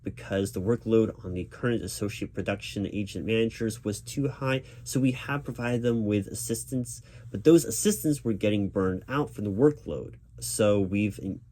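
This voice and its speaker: In an ASMR interview roleplay, a man takes the part of a recruiting manager, speaking in a reassuring, patient and encouraging way. His voice is lowish and warm, with keyboard typing audible in the background noise.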